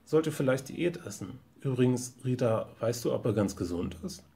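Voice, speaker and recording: A man's voice: medium pitch, animated, moderate pace, creaky, mellow. A man reading as a prim middle-aged mother.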